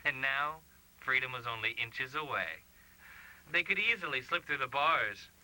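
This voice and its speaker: A man giving dramatic, wry scripted narration for an animated short. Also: mid-range voice, measured pace, low-quality recording. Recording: hissy VHS tape rip.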